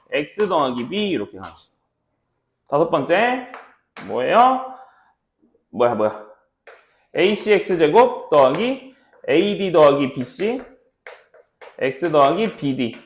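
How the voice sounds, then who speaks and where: A male math teacher with a high, very lively voice, explaining each step and constantly asking students if they follow. He is recorded in an echoey classroom. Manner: checks in often with students, repeats steps. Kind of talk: classroom lecture.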